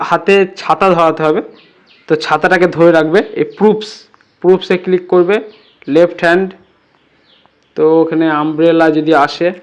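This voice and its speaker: A clear, resonant, high-pitched man's voice leads an informal tutorial one step at a time. His delivery is instructional, and he often pauses to confirm the listeners are with him.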